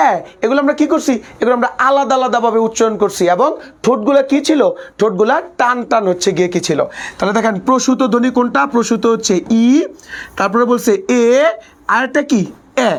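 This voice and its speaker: Guy teaching an online class, says everything twice or three times, same filler phrase over and over, jokes around with the students. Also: very high-pitched. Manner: drills points by repeating them, with a habitual filler phrase; teasing and playful toward students between explanations. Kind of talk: live online lesson.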